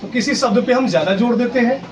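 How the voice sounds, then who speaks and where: A man with an extremely high pitch talks fast against a crowd in the background while teaching a grammar lesson at school. He breaks things down step by step, questions and answers himself, and spells words out letter by letter. The classroom audio is distant, with clear background noise.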